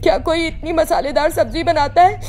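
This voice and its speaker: A woman voicing a bossy, sharp-tongued older mother-in-law in an animated storybook cartoon. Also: very high voice, normal speed, a little hiss or hum, pitched above the performer's own voice. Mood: angry scolding. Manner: scolding, commanding.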